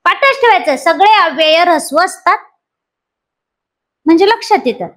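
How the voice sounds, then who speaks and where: High-voiced woman teaching a grammar class. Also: normal speed. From Maharashtra. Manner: lively, questions students and repeats key points. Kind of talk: classroom lecture for exam aspirants.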